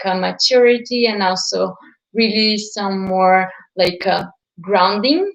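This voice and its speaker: A Brazilian woman in her twenties, a native Portuguese speaker, hosts a livestream from home and chats casually with her viewers, filling her speech with lots of "like" and "uh." Her voice sits at a medium pitch, and the recording sounds roomy and lo-fi.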